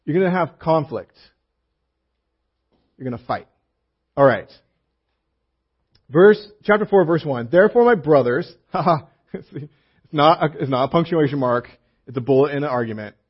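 A man's voice: a little high, expressive, moderate pace, pauses often, husky, lo-fi sound. A man preaching a sermon as a pastor, reading scripture aloud and explaining it with casual asides and humor.

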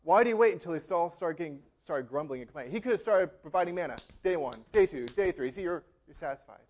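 A man's voice: a little high, lively intonation, fast talker, darkish tone. A man preaching a sermon in a conversational, joking way with an American accent, often tossing in "right?" and acting out quotes. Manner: conversational preaching, frequent asides of "right?" and laughter. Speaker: pastor.

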